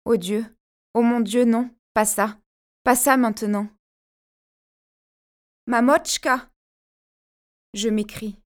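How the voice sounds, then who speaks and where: A woman's voice: on the high side, level tone, a little slow, darkish tone, lightly acted. A woman voicing an anxious young pregnant wife in an audiobook, speaking in intense, fragmented phrases. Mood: panicked. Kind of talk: audiobook character narration.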